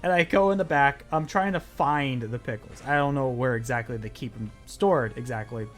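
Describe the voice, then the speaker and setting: A man's voice: mid-range voice, moderate pace, soft background music. A man streaming a game and telling a story in a loose, rambling way, full of fillers and swearing. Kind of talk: casual storytelling while playing a game.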